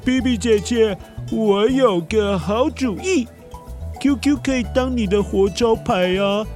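An eager little cartoonish puppy played by a man in a children's audio story speaks in a very high-pitched voice. The pup is helpful and full of exclamations, with faint music behind. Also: measured pace. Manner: bright-eyed, exclaiming, eager to help.

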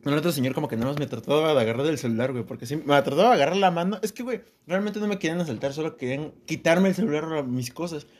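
Young Mexican guy, podcast host, rapid slangy storytelling, slightly high voice, lots of swearing. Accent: Mexican Spanish. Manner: slangy, swears a lot, laughs often. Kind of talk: casual storytelling chat.

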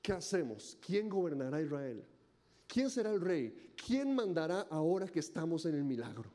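A man's voice: a little high, very animated, normal speed, mellow. A male pastor preaching a dramatic sermon, acting out voices and firing off rhetorical questions.

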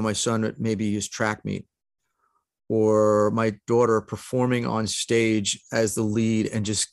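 A man's voice: lowish voice, no room sound, studio quality. Earnest, emotional man telling a story. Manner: emotional, earnest, laughs often. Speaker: podcast guest. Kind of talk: heartfelt storytelling.

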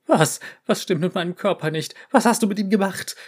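A man playing a frantic male inventor trapped in a cat, yowling and hissing, high-pitched, storybook reading. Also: lively intonation, normal speed.

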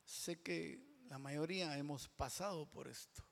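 Preacher, man, slow and deliberate, reverberant church hall. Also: on the high side, gravelly. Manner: builds to loud shouted climaxes, then drops to whispers. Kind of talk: sermon. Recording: long reverb of a large hall.

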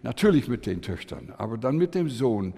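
An older male preacher tells family stories in an animated, hesitant way, his voice rising and dropping, with many fillers and restarts. His voice sits in a mid register. A long hall reverb trails after each phrase. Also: moderate pace, gravelly, slightly rough. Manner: animated storytelling with lively swings in pitch and loudness. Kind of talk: sermon.

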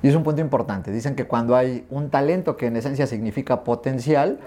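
A man's voice: mid-range voice, a little fast. A middle-aged man with a Mexican accent, a guest in an interview, telling childhood stories and acting out remembered dialogue. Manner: animated, acts out remembered dialogue. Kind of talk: storytelling in an interview.

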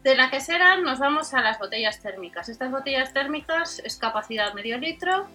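A woman with an accent from Spain hosts an informal product rundown in a high, strikingly bright voice. She goes item by item through details and prices, with music behind her. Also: animated, a little fast. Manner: reads out specs and prices item by item. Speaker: host of a shopping video channel.

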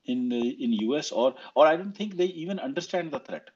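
A man's voice: a little high, expressive, brisk, darkish tone, husky. A man with a North Indian Punjabi accent hosting a casual online political discussion, making his points in emphatic, repetitive phrasing. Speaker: host of an online audio discussion. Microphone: online audio call. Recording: slightly muffled online call audio.

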